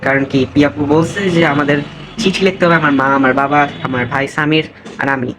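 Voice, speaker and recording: A man with a Bangladeshi Bengali accent chatting casually to the camera in a quick, chatty way. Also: on the high side, steady tone. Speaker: cousin. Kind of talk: casual vlog chat. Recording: noisy room.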